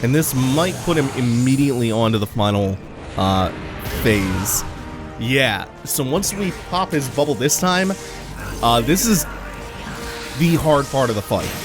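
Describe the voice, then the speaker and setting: Chill guy doing let's play commentary, average pitch, explains stuff, game music behind him. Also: expressive, a little slow. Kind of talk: casual gameplay commentary.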